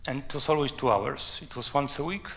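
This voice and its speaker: A Polish man with a Polish accent and a creaky voice, an author telling personal anecdotes in a halting, deliberate way. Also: medium pitch, fairly bright tone. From Poland. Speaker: author, guest. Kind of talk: anecdotal storytelling at a live talk.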